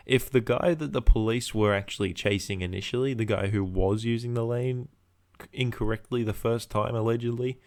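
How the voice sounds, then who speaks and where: A young man with a fairly low voice rants casually as a podcast host. He leans on laddish slang and swearing, sounds exasperated, and repeats his points to drive them home. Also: a little mellow. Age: young adult.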